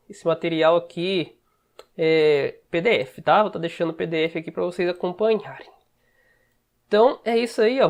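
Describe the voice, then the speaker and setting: A Brazilian man teaching English in a casual lesson, explaining step by step and often checking in with short asides. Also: on the high side. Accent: Brazilian Portuguese. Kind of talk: casual screen-share lesson.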